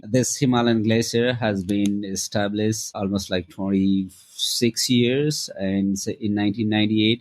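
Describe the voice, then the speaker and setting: A middle-aged man from Nepal, founder of a travel company, answers interview questions as a guest. He speaks with a Nepali accent in a fairly low, darkish voice, halting often with fillers and restarts.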